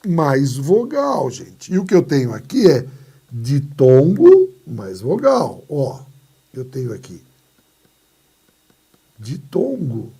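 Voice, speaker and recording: A man's voice: mid-range voice, huge pitch swings, takes it slowly, long pauses, mellow, slightly rough. A Brazilian man teaching a grammar lesson, asking and answering his own questions and acting out little skits. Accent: Brazilian Portuguese. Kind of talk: lively classroom lesson with playful asides. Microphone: recorded video lesson.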